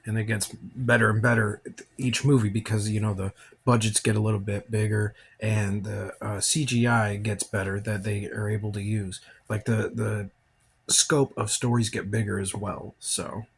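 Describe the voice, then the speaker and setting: A man with a fairly low voice hosts a podcast and talks through a movie in loose, casual commentary. He sounds tired and rambles, thinking aloud as he goes. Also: level tone, normal speed, a little hiss or hum. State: tired, yawning. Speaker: podcast host.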